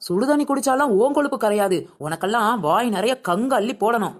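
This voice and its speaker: A woman voicing a quick-tempered young female shopper in a comedic cartoon, firing back indignant retorts. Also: fairly high pitch, natural voice. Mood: angry. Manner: indignant, rapid-fire retorts.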